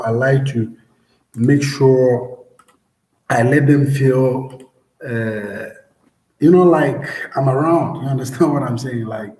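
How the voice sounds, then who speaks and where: A man's voice: medium pitch, mellow. A young Ghanaian man vlogging from home and answering viewers in a live stream, in an easygoing way with repeated words and many fillers. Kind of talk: casual live-stream chat. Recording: echoey room.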